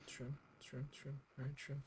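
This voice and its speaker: A man hosting a casual live-stream interview, his voice cutting out and dropping away over a bad online connection. He keeps agreeing and repeating calls to his audience. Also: normal speed. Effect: bad online connection, voice cutting out and dropping in level. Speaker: stream host interviewing a game developer.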